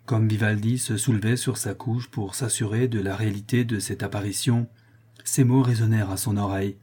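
A man narrating a classic novel as an audiobook, in a measured literary reading. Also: lowish voice, fairly even intonation, mellow, breathy edge.

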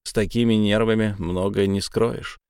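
A man narrating a first-person novel as an audiobook, in a measured, dramatic reading. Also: on the low side, fairly even intonation, darkish tone, clean tone, no echo, studio quality.

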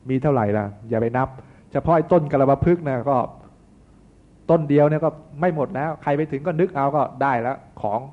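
In a tinny recording, a man who is a Buddhist monk retells an old tale as part of a sermon, chatting in a folksy manner with many asides. His voice is a little high and his pace a little fast.

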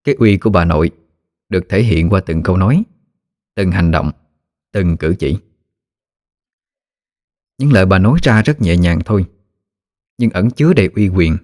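Male narrator, lowish voice, steady scripted ghost-story reading. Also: normal speed, long pauses, no echo, clean studio sound.

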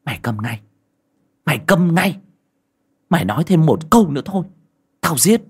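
A man's voice: very animated, normal speed, husky, full character voice. A man putting on a fierce, vengeful young widow. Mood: furious. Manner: shrill, scolding, menacing.

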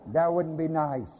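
A man with a somewhat high voice preaches to a congregation, often pausing so they can finish his sentences, and he keeps repeating "you bet your life." The recording is lo-fi, with long hall reverb and background noise.

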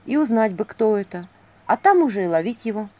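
A woman voicing a shy but earnest young maiden heroine, speaking up brightly. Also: mid-range voice, lively intonation, brisk, natural voice.

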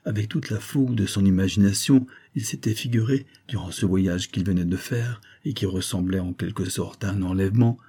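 A man narrating an audiobook novel in a steady storytelling delivery. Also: low voice, a little fast, few pauses, slightly rough.

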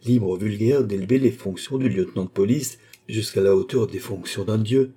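A man's voice: on the low side, moderate pace, warm tone, slightly rough. A man reading an audiobook, voicing a suave male police chief who speaks with polite, smug deference.

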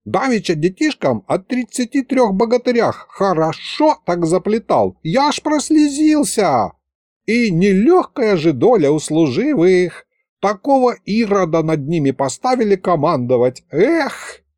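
A high, squeaky old wizard, as a male storyteller puts him on, chattering in a rambling folksy way and taking offence easily. His voice leaps up and down in a dry, close storybook reading. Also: sing-song, unhurried, a little mellow, no echo. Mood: gossipy. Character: excitable ancient male wizard, chattering and touchy.

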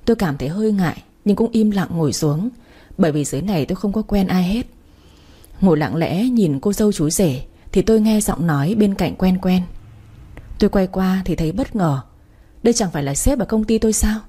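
A woman narrates a first-person story in a plain, steady reading. Her voice is low and husky, with a dark, mellow tone. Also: brisk.

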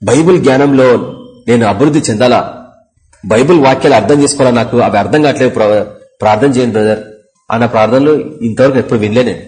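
A middle-aged man with a Telangana accent preaching a sermon as pastor, animated and acting out quoted voices with sudden jumps in pitch. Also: quick pace, low-quality recording. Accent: Telangana Telugu.

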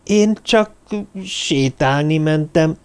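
A man's voice: a little high, clear, resonant tone, voice pushed up, natural voice. A man reading a timid, limping little man who mumbles and pleads. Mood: meek defensive.

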